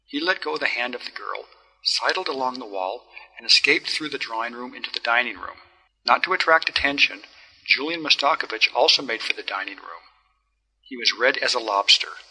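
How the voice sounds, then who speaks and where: A man narrating a classic story in the first person, in a measured, wry telling. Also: medium pitch, bright, forceful tone, breathy edge, rough recording. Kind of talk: storybook reading.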